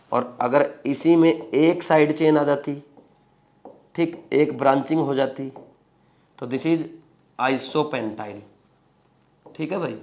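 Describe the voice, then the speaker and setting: A male chemistry teacher with a somewhat high voice leads a class, working through the material step by step. He speaks with English technical terms mixed in and keeps pausing to ask whether the students have understood. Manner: explains step by step, often checking if students follow. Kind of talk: classroom lecture at a board.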